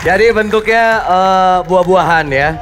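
A man's voice: sits high, a little slow, noisy background. A middle-aged man, hosting a game show and bantering with contestants on a headset mic. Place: TV studio with audience. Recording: loud show music and cheering crowd.

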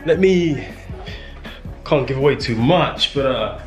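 A man's voice: mid-range voice, expressive, takes it slowly, faint music behind. A young man, rambling casually with slang and fillers in a small hotel room, filming on a handheld camera. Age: young adult. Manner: laid-back slangy rambling with repeated fillers. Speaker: vlogger. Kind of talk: casual vlog. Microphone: handheld camera at arm's length.

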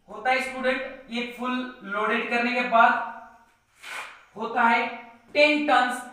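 Teacher voice: man, high and bright, slow board-work explanation, echoey room. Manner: slow, repeats words while writing, keeps saying "student". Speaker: math teacher. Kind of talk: board-work math lesson.

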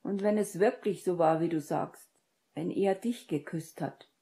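A woman's voice: fairly low pitch, a little slow, mellow. A woman reading an audiobook and voicing a serious young man who speaks in a firm, commanding way.

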